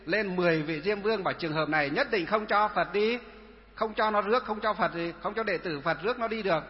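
A man preaches as a Buddhist monk, posing questions to his listeners and answering them himself, often going back over the same words. His voice sits high for a man. The recording is dull and lo-fi, with a long reverb trailing each phrase. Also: fast talker. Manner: repetitive, asks and answers own questions. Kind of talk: sermon with rhetorical questions.

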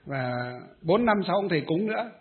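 A male Buddhist monk tells a story in a dharma talk, halting often on small fillers. His voice sits high. The sound is narrow and tinny, like a phone call. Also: lively intonation. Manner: storytelling with many hesitant fillers.

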